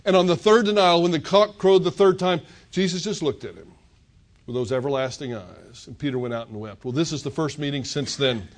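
An older man delivers a sermon with a slightly higher voice than most men. He tells the story like a storyteller, climbing in pitch for quoted speech and sinking soft and low for tender moments. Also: fairly quick. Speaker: pastor.

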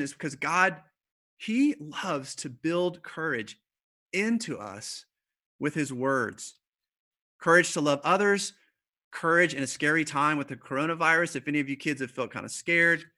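A man preaching a conversational sermon, speaking to the congregation and the children watching online, with fillers and repeated starts, slowing down for emphasis. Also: on the high side, sharp tone. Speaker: pastor. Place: church service streamed online.

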